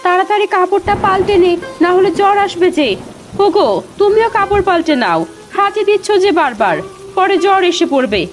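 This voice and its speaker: A woman's voice: very high voice, expressive, a little fast. A woman voicing a practical, caring village mother in a cartoon, talking in a bustling, scolding, motherly way. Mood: fussing.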